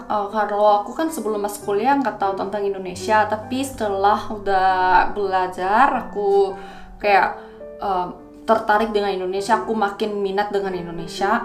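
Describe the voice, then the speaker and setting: Young Korean-accented woman in an echoey room. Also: medium pitch. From South Korea. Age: young adult. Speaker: video host. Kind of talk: casual explainer vlog, answering questions. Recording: roomy echo, music behind.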